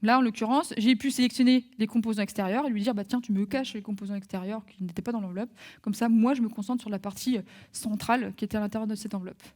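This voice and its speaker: A woman giving a live software training webinar, talking through steps with many fillers and restarts. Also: a little high, fairly even intonation, fast.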